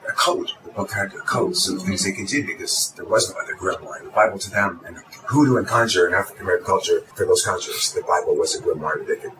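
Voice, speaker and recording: Fast-talking Glaswegian man, deep voice. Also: far from the mic, background noise. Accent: Glaswegian Scottish. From Scotland. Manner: fast, rambling, repeats his words. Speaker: guest author. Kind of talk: casual conversation.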